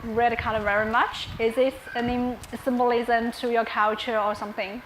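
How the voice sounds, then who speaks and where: Higher-voiced woman interviewer, Chinese native speaker. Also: level tone, normal speed, a bit bright. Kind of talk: interview questions. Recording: echoey room with faint noise.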